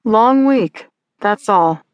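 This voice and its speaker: A woman's voice: medium pitch, expressive, extremely slow, no echo, dull audio. A woman voicing a sleepy young man answering the phone in a mumbling voice. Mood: groggy. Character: groggy tired young man.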